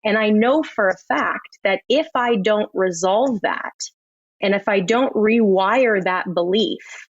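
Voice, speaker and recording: A woman's voice: mid-range voice, no echo. A woman co-hosting a podcast, talking in an articulate, reflective and analytical way with psychology vocabulary. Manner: articulate, measured, uses psychology jargon. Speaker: podcast co-host. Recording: slightly dull, dry close recording.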